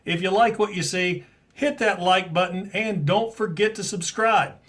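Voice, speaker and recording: An American man with a slightly high-set voice hosts a toy review. He talks informally to his viewers, with the enthusiasm of a devoted fan. The delivery is casual and unpolished product-review chat. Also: normal speed, a bit bright. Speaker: toy review video host.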